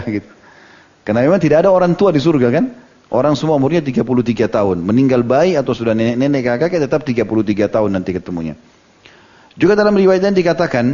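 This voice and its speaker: Male preacher, rapid storyteller, mid-pitched, muffled lo-fi recording. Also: a little mellow. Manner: storytelling, retells hadith with quoted dialogue and asides. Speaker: Islamic preacher. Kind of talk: religious study lecture. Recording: dull lo-fi audio recording.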